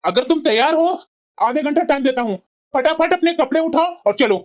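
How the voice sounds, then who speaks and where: This is cartoon voice acting: a woman plays an earnest young husband and dutiful son, lecturing firmly in a stern mood. Her voice is high-pitched, animated and brisk, captured on a dull lo-fi recording.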